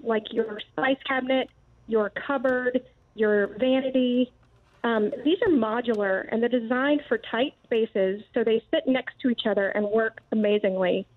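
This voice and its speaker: A woman's voice: on the high side, moderate pace. Woman on a tinny phone line. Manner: polite, practical, step-by-step explaining. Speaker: product inventor and guest. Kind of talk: explanatory product demonstration by phone. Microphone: phone call into live show.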